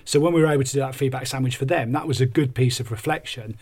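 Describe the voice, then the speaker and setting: A man's voice: mid-range voice, fast talker, a little mellow, husky. A man co-hosting a podcast conversationally, explaining ideas with examples like an upbeat life coach. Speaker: podcast co-host and workshop coach.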